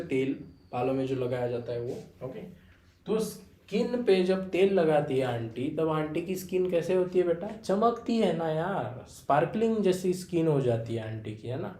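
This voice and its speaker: A young male Indian English vocabulary teacher gives a Hindi-English vocabulary lesson, his Marathi-influenced accent and slightly high-pitched, warm voice carrying through an echoey room. He explains patiently, leaning on repeated fillers like "okay" and "है ना," and fondly calls his students "बेटा."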